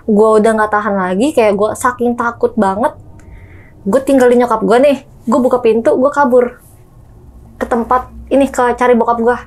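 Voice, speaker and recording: A woman's voice: fairly high pitch, moderate pace, poor audio. A young woman, casually telling a true ghost story as a guest, acting out knocks and voices. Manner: lively, acts out knocks and voices.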